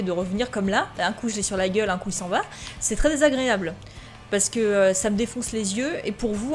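Chatty woman gaming host. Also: a little high. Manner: chatty, talks straight to viewers, reads game prompts aloud. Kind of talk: casual let's-play commentary.

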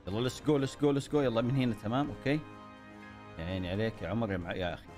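A man giving excitable commentary over his own gameplay, cheering himself on and joking with his viewers. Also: medium pitch, quick pace, faint music behind. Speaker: gaming YouTuber.

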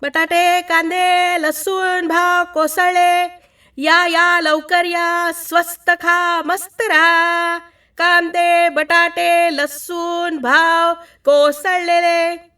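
Woman putting on a male street hawker, shouting, sing-song, high-pitched, repetitive calls, distant mic. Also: little pitch movement, very slow, soft background music, heavily acted. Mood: calling out.

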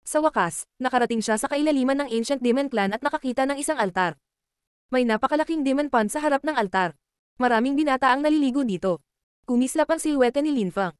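A woman narrating a martial-arts web novel chapter aloud, reading rapidly and evenly. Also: high voice, expressive, clean tone, no room sound, studio quality. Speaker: audiobook narrator.

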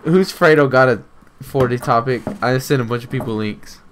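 A young man streaming a game, chatting casually in a joking, teasing way with bursts of shouting. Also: mid-range voice, moderate pace, slight background noise. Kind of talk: casual gaming chat.

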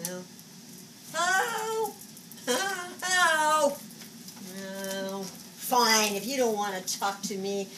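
A woman in her seventies with a mid-range voice plays a flamboyant, agitated psychic who scolds spirits in a dramatic monologue on a small indoor stage set. Exasperated, she moves from halting mutters to sudden outbursts. A camera a few metres away captures it in a noisy room.

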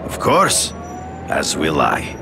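An imposing, proud hunter in a video game. His voice is extremely deep and gravelly, and he speaks slowly and grandly, with formal, solemn weight. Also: huge pitch swings, music in the background, full character voice. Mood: solemn, persuasive. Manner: deliberate, grandiose, formal phrasing.

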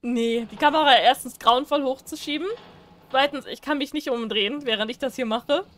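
A gaming YouTuber speaks in a high-pitched voice at a normal speed while playing a horror game for a let's play. She's chatty and teasing, reads the on-screen prompts aloud, and laughs often.

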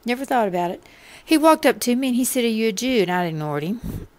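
A woman's voice: a little high, very animated, fast, dry recording. A middle-aged woman casually telling a personal faith testimony in a folksy, chatty way, laughing as she goes.

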